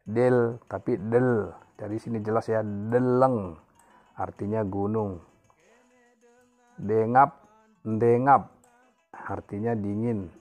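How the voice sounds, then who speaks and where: A man's voice: on the low side, darkish tone. A man teaching a local language, reading a dictionary word by word, stressing each headword and repeating it, then giving its meaning. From Indonesia. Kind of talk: slow word-list reading lesson.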